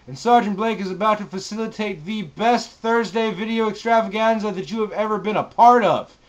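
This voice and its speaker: A gaming channel host with a somewhat high voice delivers a casual vlog monologue to his viewers, talking a little fast. His delivery is emphatic and showy, full of casual swearing. The audio is slightly dull and lo-fi.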